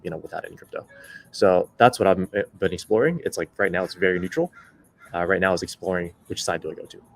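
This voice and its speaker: Very deep casual man. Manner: casual, fillers like you know. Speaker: game developer on panel. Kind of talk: online panel discussion.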